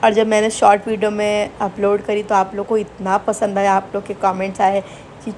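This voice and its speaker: A woman's voice: medium pitch, monotone, moderate pace, a little mellow, slight background noise. A young woman chatting to viewers in a casual home vlog, recorded indoors. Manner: chatty, addresses viewers directly. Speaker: vlogger.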